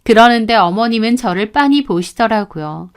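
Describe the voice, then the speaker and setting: A woman's voice: fairly high pitch, animated, normal speed, clear, resonant tone. A woman in her thirties narrating her own story as a daughter-in-law, indignant and complaining, acting out the dialogue.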